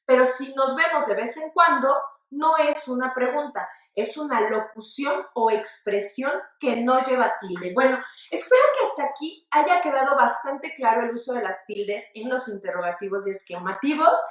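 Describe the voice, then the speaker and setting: High-voiced Mexican woman teaching spelling. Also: moderate pace, few pauses, very echoey, distant mic. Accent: Mexican Spanish. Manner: lively, addresses viewers directly, asks them to repeat aloud. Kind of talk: online grammar lesson. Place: studio set with floor manager.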